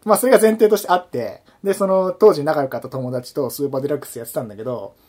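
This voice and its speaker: A man's voice: a little high, racing. A man on a podcast in casual chat, telling a story and acting out the quotes as he goes. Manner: animated storyteller, acts out quotes. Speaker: podcast co-host.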